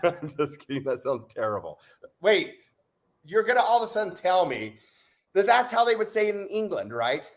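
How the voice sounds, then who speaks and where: A man co-hosting a live stream in casual chat, exuberant and jokey, whooping and shouting at times, getting over covid. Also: high voice, big pitch swings, normal speed. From Utah. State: recovering from covid. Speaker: livestream co-host.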